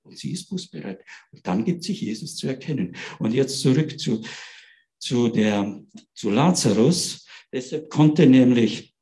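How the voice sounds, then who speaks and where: A man's voice: medium pitch, expressive, unhurried, warm tone. A man giving an informal Bible talk, retelling scripture in everyday speech and often checking in with his listeners. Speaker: preacher.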